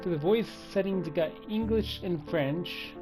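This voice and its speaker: A man's voice: sits high, a little slow, over music. A man hosting a let's play, chatting casually as he reads out menus and counts items aloud. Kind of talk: casual gameplay commentary.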